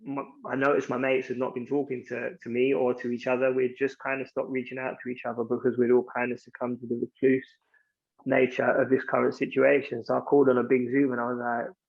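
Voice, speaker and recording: A man's voice: mid-range voice, monotone, fairly quick, gravelly, lo-fi sound. A man mentoring young men, talking frankly and reflectively in a loose, candid chat.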